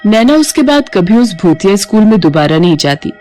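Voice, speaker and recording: A woman narrating a cartoon horror tale in a scripted storybook style. She keeps an even, steady storytelling delivery at a middle pitch. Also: a little fast, faint music behind.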